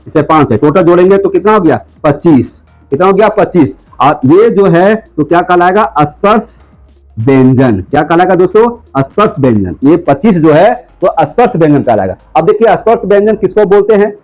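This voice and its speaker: A high-pitched male teacher walks his viewers through a grammar lesson. He keeps asking questions and answering them himself, and he drags out words when dictating. Soft music plays faintly underneath. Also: low-quality recording. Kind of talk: classroom lesson.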